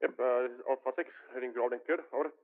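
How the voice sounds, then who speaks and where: A man's voice: mid-range voice, steady tone, racing. A man on a static-filled military radio net, giving clipped call-outs as platoon leader with hesitant fillers. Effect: military radio chatter through static bursts. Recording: tinny radio transmission.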